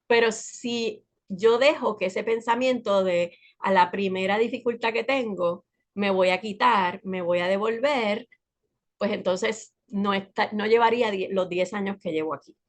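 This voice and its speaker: A woman with a Puerto Rican accent, a guest sharing a personal story in a casual, conversational way with frequent tag questions. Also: mid-range voice. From Puerto Rico. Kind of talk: casual chat.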